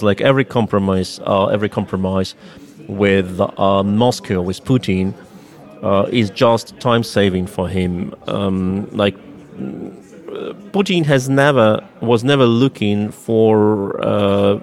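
A Russian man, a native speaker with a Russian accent, appears as an interview guest explaining politics. His delivery is halting, deliberate and emphatic. His voice sits on the low side, steady and somewhat dark.

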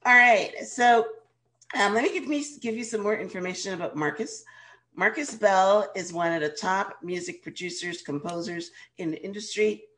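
A woman from Guyana, hoarse with a cold, speaking as a radio show host and life coach in an interview. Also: medium pitch, moderate pace, a bit bright, a little hiss or hum. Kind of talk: interview hosting.

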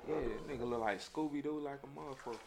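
A man's voice: medium pitch, fast, noisy background. A man hosting a casual podcast conversation, talking in heavily slangy, profane street language. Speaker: podcast host.

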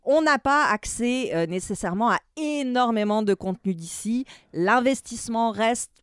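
A woman's voice: a little high, expressive, moderate pace, smooth, no room sound, studio quality. A woman, chatting as a culture columnist on a radio show, emphatic and laughing often. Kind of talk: casual radio chat.

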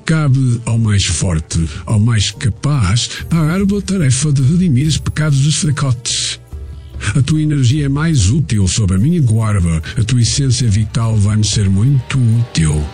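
A mad nobleman villain, voiced by a man in a radio-style drama, purring sweet threats with a swooping, lively pitch while soft music plays underneath. he sounds theatrical and mocking, lingering over every word. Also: measured pace, close to an everyday voice. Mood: gloating. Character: mad sinister aristocratic male villain, gloating. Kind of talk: audio drama acting.

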